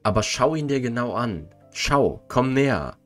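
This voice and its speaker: A man reading as a cold aristocratic father who urgently presses his son to look closer. The voice sits low, with a faint music bed behind it. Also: sing-song, measured pace, heavily acted. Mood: eager. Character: eager cold aristocratic father, middle-aged.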